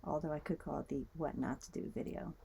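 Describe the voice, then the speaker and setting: Low gravelly woman chatting while knitting. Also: fairly even intonation, fast talker, warm tone, slight background noise. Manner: chatty, mutters asides to herself while working. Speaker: knitting vlogger. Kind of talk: casual chat while knitting.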